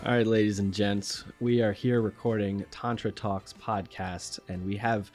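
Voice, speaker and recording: A man's voice: on the low side, flat delivery, measured pace, music in the background. A man co-hosting a podcast, chatting casually and joking as he corrects himself. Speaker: podcast co-host.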